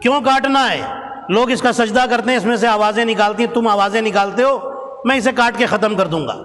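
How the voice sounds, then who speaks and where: A man's voice: high-pitched, fairly bright tone, slight background noise. A man voicing an ordinary family man in a sermon story, demanding answers in an indignant tone. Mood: defiant. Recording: long hall reverb.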